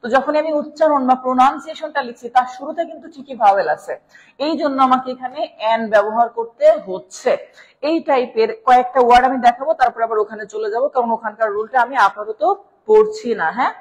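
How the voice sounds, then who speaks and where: A woman with a Bangladeshi Bengali accent gives a live online grammar lesson in a fairly high voice. She explains patiently, step by step, checking in with her listeners as she goes. A long reverb trails each phrase. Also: fast talker. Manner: explanatory, checks in with "right?", addresses viewers as "sir". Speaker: English grammar teacher.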